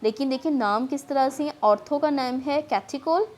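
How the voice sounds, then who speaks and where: A woman's voice: high voice, normal speed, darkish tone. A woman chemistry lecturer with a Pakistani accent, explaining step by step in a classroom lecture and mixing in English terms.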